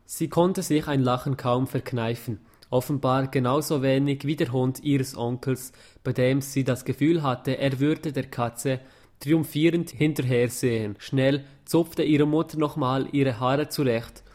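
A man narrating a Christmas-time story in a calm, even reading voice. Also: medium pitch, unhurried.

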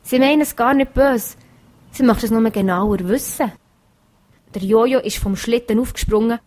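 A woman narrating a children's Christmas story in a measured storytelling way. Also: fairly high pitch, a little mellow.

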